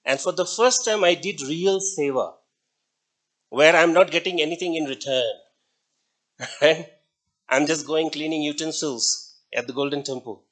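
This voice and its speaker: Measured and pausing often, a middle-aged man with an Indian English accent, whose native language is Hindi, tells stories in a classroom lecture. His voice is on the high side with a fairly bright tone, and he questions the class, chuckling softly between points.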